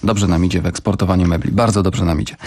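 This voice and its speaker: A man's voice: sits low, steady tone, fast talker, darkish tone, slightly rough, no echo. A man hosting a morning radio show, announcing the programme and reading press headlines with wry asides. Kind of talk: casual radio presenting. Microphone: studio microphone.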